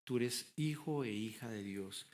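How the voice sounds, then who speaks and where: A man's voice: medium pitch, measured pace, a little mellow. A middle-aged man preaching a sermon with passion, repeating and restarting words. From Latin America. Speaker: pastor.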